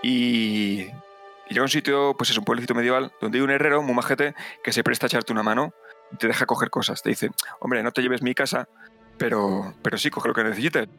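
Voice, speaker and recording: Bright-voiced man telling stories. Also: mid-range voice, a little fast, faint music behind. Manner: animated storytelling with acted asides. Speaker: podcast host. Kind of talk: casual chat.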